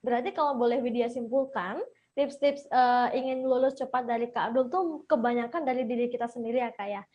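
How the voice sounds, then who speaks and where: A woman's voice: a little high, fairly even intonation, a little fast, lo-fi sound. A woman hosting a casual online interview, chatty and upbeat with frequent fillers. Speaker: host.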